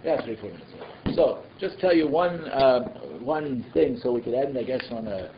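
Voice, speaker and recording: This man is a rabbi leading a casual Torah lesson, full of rhetorical questions and offhand asides. He has a medium-pitched voice with lively intonation and a normal pace. The audio comes from a noisy room, echoey and muffled.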